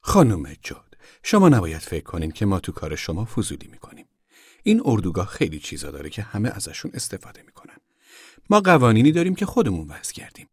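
A man's voice: fairly low pitch, big pitch swings, dry recording, clean studio sound. A man voicing a proud, stout woman who chairs a camp committee, speaking formally and weightily as if her words were rehearsed. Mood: earnest.

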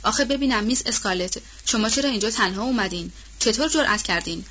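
A woman voicing a burly, loyal male farmhand with a heavy, husky voice and rustic, colloquial speech in an audiobook. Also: on the high side, animated, a bit bright. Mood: warm. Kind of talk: audiobook character reading. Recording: dull lo-fi audio.

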